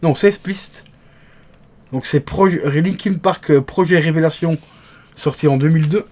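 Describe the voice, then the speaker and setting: Talking to his audience like friends, this unboxing YouTuber has a slightly high, unhurried voice with a darkish tone. His commentary is casual, chatty, and hesitant, with lots of fillers and restarts, and he keeps moving closer to and away from the mic.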